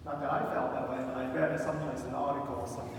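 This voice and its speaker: Korean-accented pastor in an echoey church. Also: male voice, mid-range voice, steady tone, fast talker, a little hiss or hum. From South Korea. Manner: conversational, storytelling with wry humor and many fillers. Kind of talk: sermon. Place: large church sanctuary. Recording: distant, echoey church hall.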